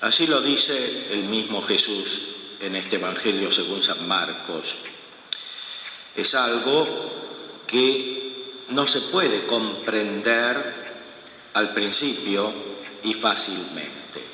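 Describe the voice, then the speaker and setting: Priest with cathedral echo. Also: male voice, lowish voice, lively intonation, bright, forceful tone. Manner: slow, measured delivery with long pauses. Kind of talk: reading the Gospel and preaching a homily. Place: large church. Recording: long echoing church reverb, faint room hum.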